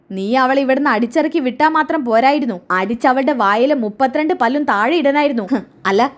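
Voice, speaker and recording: A woman voicing a fierce scolding grandmother. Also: high-pitched. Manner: scolding, contemptuous. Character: fierce scolding old grandmother, sharp-tongued matriarch.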